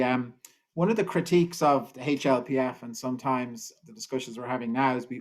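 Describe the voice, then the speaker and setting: A man moderating an online panel over a video call, friendly and informal, talking in a loose, rambling way. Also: mid-range voice. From Ireland.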